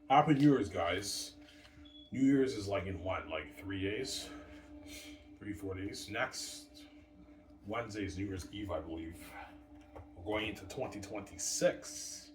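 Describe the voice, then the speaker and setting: Deep-voiced man rambling in an echoey room. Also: unhurried, long pauses. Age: 30s. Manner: meandering, casual, swears, argues with absent people. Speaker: vlogger. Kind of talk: late-night rambling monologue. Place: room at home, family upstairs. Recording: echoey room, distant mic, background noise and music.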